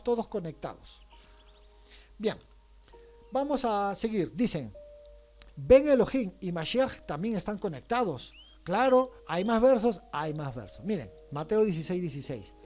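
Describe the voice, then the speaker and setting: Teacher, mid-pitched, patient lecture style, keeps asking the class if they follow, faint music. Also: big pitch swings, normal speed, warm tone. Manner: explains patiently, checks understanding with repeated questions. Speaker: religious studies teacher. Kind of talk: class lecture with rhetorical questions.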